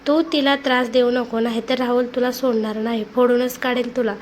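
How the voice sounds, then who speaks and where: Woman voicing a sharp-tongued young college girl, storybook, higher-pitched. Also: steady tone, a little fast, slight background noise, close to an everyday voice. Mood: angry. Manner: sharp, scolding. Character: outspoken young female college student.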